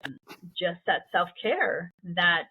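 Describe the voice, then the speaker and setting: A woman's voice: on the low side, lively intonation, slow pace, slightly rough. A woman podcast host and coach, speaking in an affirming, encouraging way in a casual interview. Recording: tinny phone-like line.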